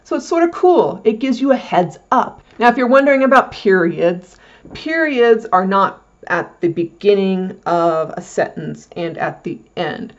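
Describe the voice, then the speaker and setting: A woman explains a lesson in a friendly, chatty way, walking through each point. Her voice is mid-pitched and sits in a slightly dull, lo-fi recording. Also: animated, a little slow. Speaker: Spanish teacher for parents.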